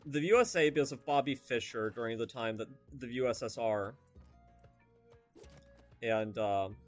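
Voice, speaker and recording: A man's voice: medium pitch, normal speed, faint music behind. A young man streaming a video game, chatting casually and rambling off into tangents with lots of fillers. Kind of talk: casual gameplay commentary.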